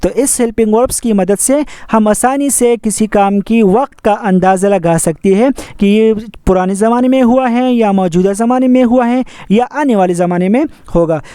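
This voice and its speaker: A male English teacher walks through grammar rules methodically, repeating each pattern. His voice sits high yet sounds mellow and smooth. The recording is dry and close. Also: no room sound. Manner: repetitive, methodical, mixes English terms into Hindi-Urdu. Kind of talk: grammar lesson explanation.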